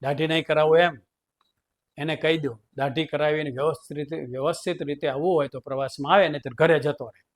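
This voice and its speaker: Man doing a strict school trustee who scolds, a bit high-pitched. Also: fairly even intonation, fast, natural voice. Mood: stern. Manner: stern, scolding. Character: stern male school trustee, strict about discipline.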